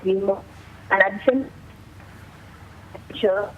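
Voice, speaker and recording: Fields: Sex: woman. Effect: over the phone. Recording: tinny phone line, faint hiss. Pace: slow. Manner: halting. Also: medium pitch. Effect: heard over the phone. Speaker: caller.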